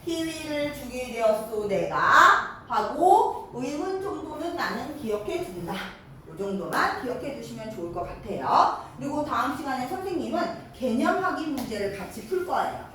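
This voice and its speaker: A woman teaching a middle school grammar lesson, lively and coaxing, checking in with her students again and again. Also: high-pitched, moderate pace, slight background noise. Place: classroom. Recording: echoey classroom, mic far off.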